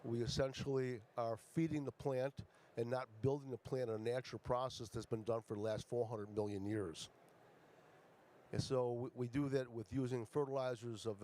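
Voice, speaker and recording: This Ecuadorian man, a startup founder, stumbles through his conference pitch with frequent fillers and false starts. His tone is darkish, and a faint hiss or hum sits under the recording.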